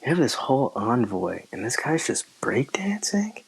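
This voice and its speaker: A man's voice: medium pitch, sing-song, normal speed, vocal fry, slightly rough. A man playing a tabletop game, describing his character's actions loosely with lots of fillers. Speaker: player. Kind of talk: casual game chat.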